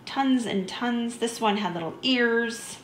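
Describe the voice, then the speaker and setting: A woman's voice: a little high, takes it slowly, slight background noise. Chatty woman in an echoey room. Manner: chatty, easygoing, enthusiastic about small finds. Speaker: vlogger. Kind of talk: shop-with-me voice-over narration.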